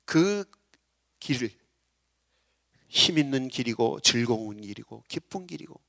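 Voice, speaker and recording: A middle-aged man preaching a sermon as pastor, swinging from low, quiet asides to loud, soaring declarations. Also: expressive, a little slow, gravelly. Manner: preaching with sudden loud rises.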